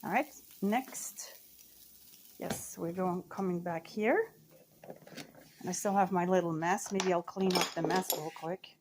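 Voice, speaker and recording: A woman's voice: lowish voice, a little slow, pauses often, noisy background. A woman from central Switzerland chatting in a rambling, self-correcting way while she cooks in her home kitchen. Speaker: cooking vlogger. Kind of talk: casual chat while cooking.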